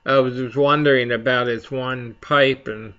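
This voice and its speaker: A man hosting a casual, rambling chat for viewers, speaking haltingly as he searches for his words. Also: medium pitch, fairly even intonation, fairly bright tone, clear, resonant tone, dull audio. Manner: halting, slow to find words. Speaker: pipe hobby video host.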